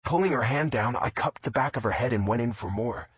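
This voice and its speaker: A man narrating a romance audiobook in a low, intimate first-person reading. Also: brisk, husky, no room sound.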